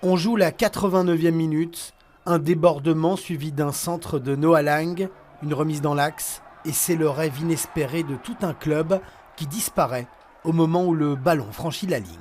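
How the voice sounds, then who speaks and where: A man narrates a sports news report in a measured, dramatic way. His voice sits a little high. Faint noise hangs behind him. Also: a little mellow.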